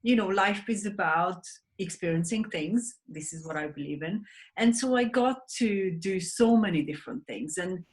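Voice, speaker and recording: A Hungarian woman in her thirties, a sleep advocate guesting in an interview over video call, speaks earnestly with a Hungarian accent and frequent restarts. Her voice is lowish and expressive, moving at a moderate pace.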